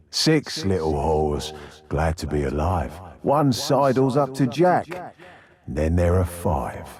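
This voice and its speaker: An actor playing a menacing, deranged Victorian serial killer in a video game, husky and gravelly, with a theatrical, taunting delivery. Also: male voice, deep voice, a little mellow, heavily acted. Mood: gleeful sinister reciting. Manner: theatrical, taunting, drawn-out delivery swinging between murmur and roar. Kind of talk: video game villain voice acting.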